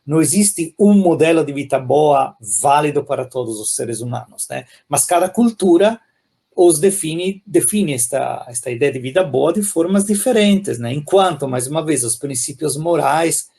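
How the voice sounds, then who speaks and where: A man from Italy with an Italian accent, a philosophy professor explaining ideas thoughtfully in an interview, often pausing and adding "né?". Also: on the high side, lively intonation, mellow, slightly rough. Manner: thoughtful, many pauses and "né?" tags.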